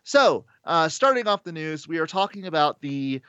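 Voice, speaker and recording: A man co-hosts a podcast in relaxed, enthusiastic chat, laughing often and leaning on fillers. His voice sits a little high. The recording is close and dry. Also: moderate pace, clean tone, no room sound, dull audio. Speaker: podcast co-host. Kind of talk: casual chat.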